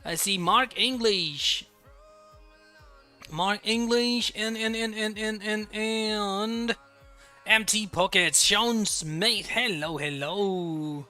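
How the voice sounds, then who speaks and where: Bright, chatty male streamer. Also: high-pitched, takes it slowly, soft background music. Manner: chatty, repeats words, greets viewers by name. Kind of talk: live stream chat with viewers. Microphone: desk microphone.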